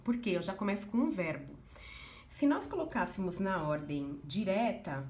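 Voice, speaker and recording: A Brazilian woman teacher talks through a worked exercise with her students. Her voice sits at a middling pitch, and she is patient and conversational. She keeps checking that the students are following along. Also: lively intonation, moderate pace, darkish tone. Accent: Brazilian Portuguese. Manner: patient, uses many fillers like "né" and "ó". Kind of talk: recorded class lesson, explaining exercises.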